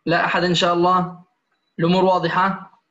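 A man teaches Quran recitation in an online class, his voice sitting high. He is patient, addresses the students as dear ones and stretches out the examples he demonstrates. The sound is muffled and roomy, like a lo-fi call. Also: monotone, bright, forceful tone. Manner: models recitation examples slowly. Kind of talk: online tajweed lesson.

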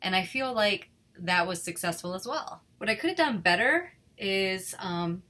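A woman illustrator reading a fairy tale aloud and chatting casually about her drawing, relaxed and self-critical. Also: medium pitch, moderate pace. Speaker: illustrator and channel host. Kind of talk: storybook reading and casual art commentary.

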